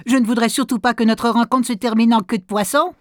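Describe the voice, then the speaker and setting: A woman's voice: on the high side, steady tone, brisk, no room sound, clean studio sound, pitched above the performer's own voice, natural voice. A woman doing a sly sea wolf. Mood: teasing. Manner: mocking, gloating, with sniggers. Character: sly hungry male sea wolf fish. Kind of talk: children's audio storybook.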